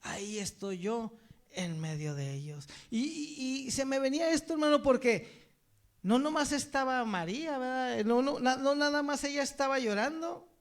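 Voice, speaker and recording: A man's voice: very high-pitched, expressive, moderate pace. A man preaching a sermon, reading scripture aloud and putting rhetorical questions to his listeners, often calling them brother. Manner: reads scripture aloud, then asks the congregation rhetorical questions; addresses listeners as brother, with many filler "right?" tags.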